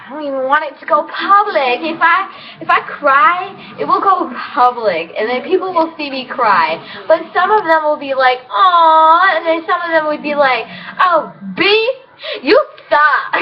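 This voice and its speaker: A woman's voice: high-pitched, animated, moderate pace. A woman rambling in a casual vlog, giggling and gushing as she talks. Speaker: vlogger. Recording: dull lo-fi with voices behind.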